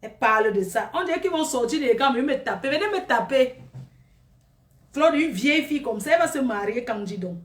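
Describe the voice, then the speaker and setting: A woman doing a comic monologue, gossiping and exclaiming in a lively, animated way. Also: sits high, brisk, echoey room, distant mic.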